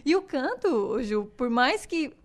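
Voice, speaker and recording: A woman's voice: high-pitched, big pitch swings, takes it slowly. A woman, a singing teacher explaining voice technique enthusiastically in casual chat. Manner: enthusiastic, explanatory, demonstrates voices while talking.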